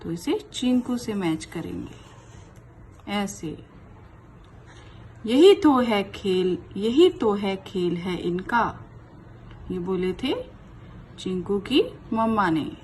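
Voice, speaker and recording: Woman teacher for young kids, unhurried and patient, repeats each word, faint hiss behind. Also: medium pitch, expressive, a little mellow. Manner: slow, patient, repeats words for young children. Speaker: primary school teacher. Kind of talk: online class lesson.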